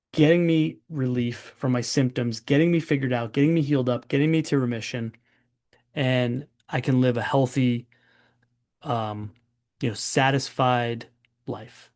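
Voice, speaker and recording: Brief: forties male doctor hosting webinar, gravelly and chatty. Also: medium pitch, unhurried, darkish tone. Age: 40s. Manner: chatty, long-winded, rambling. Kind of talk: casual webinar Q&A.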